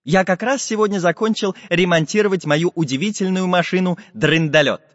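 A man's voice: high-pitched, fairly quick, dry recording, big-room sound, highs cut off, voice pushed up, close to an everyday voice. A man voicing a small iron handyman who speaks plainly and matter-of-factly. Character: handy iron little man, calm tinkerer.

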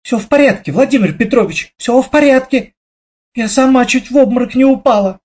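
A young woman in airport uniform from an audiobook, soothing and a little shaken, pitched high, voiced by a man reading aloud. There is a breathy edge to it. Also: fairly quick, a little mellow.

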